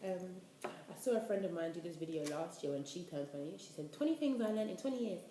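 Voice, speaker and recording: This woman in her twenties has a low-ish, mellow voice that's animated and brisk as she chats to the camera. Her vlog rambles casually and is packed with "like," recorded in an echoey room with slight background noise.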